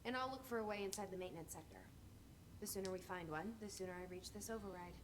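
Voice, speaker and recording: An actress playing a guarded young woman who is the new director of an agency, speaking tersely and in a measured way. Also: medium pitch, noisy background, close to an everyday voice.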